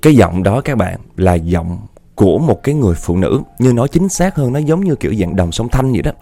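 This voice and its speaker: A man telling a ghost story, animated, repeating words for effect and speaking straight to his listeners. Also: lowish voice, a little fast, faint music behind. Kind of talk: spoken ghost story narration.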